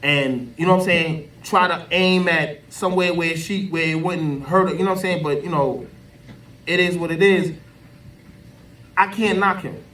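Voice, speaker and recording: Ranting to camera off the cuff, this American online commentator is emphatic, colloquial and repetitive. His voice is a little high, steady and fairly bright at a moderate pace, picked up from a distance with slight background noise.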